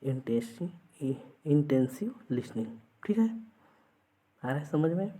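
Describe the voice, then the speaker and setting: A man's voice: fairly high pitch, sing-song, takes it slowly, mellow, poor audio. A man teaching an exam-prep lesson, explaining through everyday examples and often checking that students follow.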